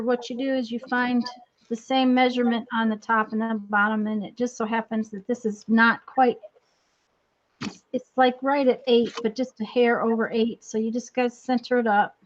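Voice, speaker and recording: A woman casually hosting a live craft demonstration in a halting, folksy, apologetic way, her voice repeating with a strong echo. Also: fairly high pitch, little pitch movement, slight background noise. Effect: strong distracting echo on the voice. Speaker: craft tutorial host. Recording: dull lo-fi sound with bad echo.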